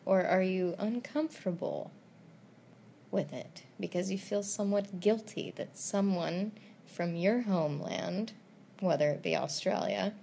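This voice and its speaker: Chatty young woman with a gravelly edge. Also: mid-range voice, a little slow, mellow, a little hiss or hum. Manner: chatty, giggly, teasing. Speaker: travel vlogger. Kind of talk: casual chat.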